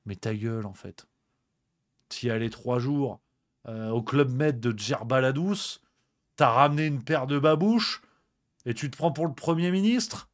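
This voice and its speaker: Man ranting on a stream, fed up and swearing, dry close sound, middle pitch. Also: unhurried, no echo. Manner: exasperated, swearing, repetitive grumbling. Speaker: host. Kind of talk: comedic rant on a livestream show.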